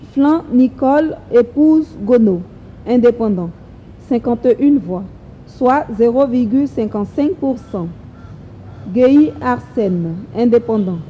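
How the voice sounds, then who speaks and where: Slow, measured woman reading results. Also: a little high, dark tone, slight background noise, poor audio. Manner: slow, measured, reads each figure deliberately. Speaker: electoral official announcing results. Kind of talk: formal reading of election results.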